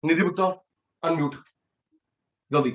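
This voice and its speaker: Man, high pitched voice, professor, online lecture, animated, repeats key terms, calls students by name. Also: moderate pace, lo-fi sound. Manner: mixes English terms into speech. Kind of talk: online exam-prep lecture.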